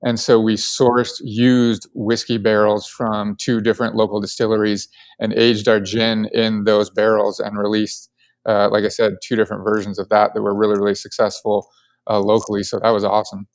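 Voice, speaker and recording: His lowish voice is completely flat in delivery and moves at normal speed as this Colorado co-founder, the podcast guest, answers questions. He's casual and enthusiastic, with lots of filler words, in a relaxed interview.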